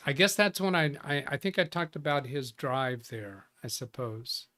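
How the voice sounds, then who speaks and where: A man's voice: medium pitch, expressive, moderate pace, sharp tone. A man hosting a live tech show in a casual, chatty way, greeting viewers by name and often restarting his sentences. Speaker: livestream tech show host. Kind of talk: casual live-stream chat.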